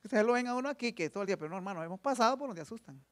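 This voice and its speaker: A man's voice: high-pitched, lively intonation, rapid-fire. A man preaching a church sermon with emphasis, leaning on rhetorical questions and addressing the congregation directly. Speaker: pastor.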